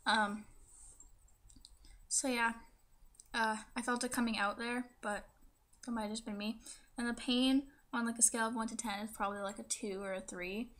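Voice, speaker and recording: Bright young woman with a fresh tongue piercing. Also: fairly high pitch. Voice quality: speech slightly affected by a new tongue piercing. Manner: hesitant, filler-heavy, peppered with "like". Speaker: vlogger. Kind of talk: casual chat to camera. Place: small room indoors.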